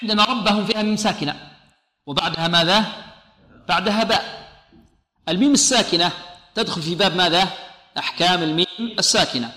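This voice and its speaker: A man with a bright, fairly high voice teaches Quran recitation, stopping to chant verses slowly for students to repeat. The recording carries a long, roomy reverb from a large hall. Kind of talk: tajweed lesson with chanted recitation.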